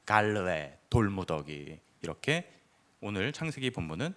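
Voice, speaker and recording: A man preaching a sermon to his congregation, explaining a passage in an animated way and acting out short quoted lines. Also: lowish voice, measured pace. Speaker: pastor. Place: church.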